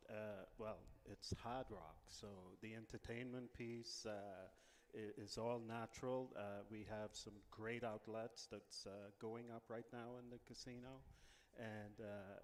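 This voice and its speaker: A man from the Bahamas, a casino executive answering interview questions in a relaxed way with many pauses. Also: fairly low pitch, long reverb tail.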